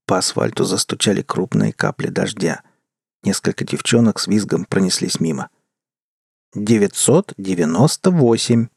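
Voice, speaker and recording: A man reads a story aloud in a low, gravelly voice with a husky grain. His delivery is measured and even, like an audiobook narrator. The sound is close and dry, with no room around it. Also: no echo. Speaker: audiobook reader. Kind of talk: scripted narration.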